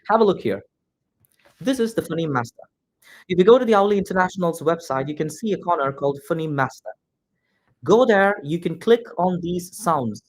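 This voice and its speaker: With a fairly high, somewhat mellow voice, a man from India teaches pronunciation to a class. His native tongue is Malayalam, his English accent is neutralized Indian, and his style is direct and repetitive, with students addressed as "guys."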